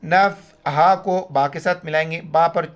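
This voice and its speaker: A man teaching Quran reading, spelling out letters and vowel marks syllable by syllable, then chanting each verse slowly and drawn out, with quick spoken explanations in between. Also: on the high side, fairly even intonation, clear, resonant tone. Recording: muffled lo-fi home recording.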